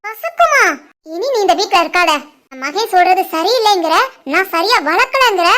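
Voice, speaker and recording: A woman voicing a proud, scolding middle-aged mother-in-law in an animated family story, with a Tirunelveli Tamil accent. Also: moderate pace. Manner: shrill, scolding.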